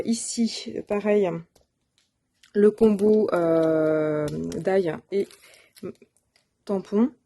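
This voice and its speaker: A woman's voice: lowish voice, warm tone. A woman presenting her shopping haul of craft supplies in a casual, hesitant way, with many fillers and self-corrections. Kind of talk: casual show-and-tell.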